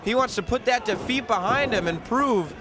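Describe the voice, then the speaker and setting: High-voiced color commentator, a man. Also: expressive, moderate pace. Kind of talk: live wrestling commentary. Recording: noisy live event background.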